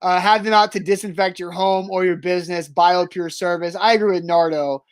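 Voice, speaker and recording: On a sports talk show, a male radio co-host bantering casually sounds matter-of-fact and teasing, laying out his points with pedantic precision. His high-pitched voice is steady and smooth, a little fast, with no room sound.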